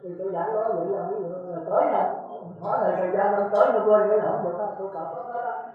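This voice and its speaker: A man's voice: high-pitched, steady tone, quick pace. A man, a Buddhist monk, giving a dharma talk with emphatic rhetorical questions to his listeners. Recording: echoey, phone-like lo-fi recording.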